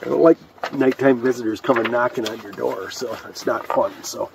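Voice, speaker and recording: A man's voice: mid-range voice, normal speed, vocal fry, noisy background. A man from Michigan, recorded outdoors on a cold night, chatting and joking with many fillers as he reads ghost stories aloud. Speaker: co-host of a ghost story show. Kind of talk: casual chat and reading ghost stories aloud. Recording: distant mic outdoors.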